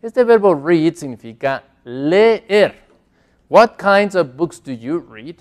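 A man who speaks Spanish natively, teaching an English lesson, modelling phrases slowly and repeating them with care. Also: a little high, big pitch swings, darkish tone, clean tone. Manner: slow, careful modelling of English phrases with repetition. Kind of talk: classroom lesson. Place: classroom with a board.

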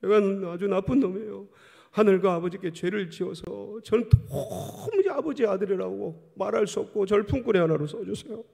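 A man's voice: high voice, moderate pace, creaky, a little mellow, husky, pitched above the performer's own voice, full character voice. A male pastor playing a young son who begs his father for forgiveness. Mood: pleading. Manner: pleading, apologetic. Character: young prodigal son, ashamed and pleading. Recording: long church hall reverb.

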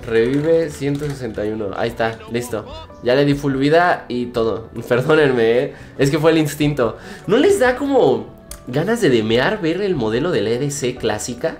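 A man's voice: medium pitch, moderate pace, darkish tone. Young male streamer, playful gameplay chatter, mid-range voice, faint music bed. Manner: playful, joking, repeats phrases, laughs often. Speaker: gaming streamer. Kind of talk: casual gameplay commentary.

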